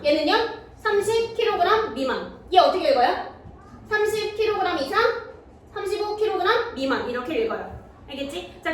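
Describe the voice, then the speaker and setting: A woman's voice: high-pitched, a bit bright. A woman teaching middle school math in a classroom, often stopping to check whether students follow. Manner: checks understanding with quick questions to students. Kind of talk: classroom lecture. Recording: very echoey room, mic far off, faint noise.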